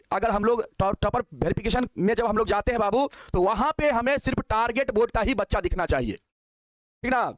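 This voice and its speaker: A man teaching a maths exam-prep lesson, coaxing students and asking quick questions. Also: extremely high pitch, no echo.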